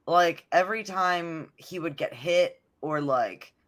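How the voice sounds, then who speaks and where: Slow and on the low side, this woman's voice carries her casual storytelling as a podcast co-host. She's chatty and keeps filling her talk with "like."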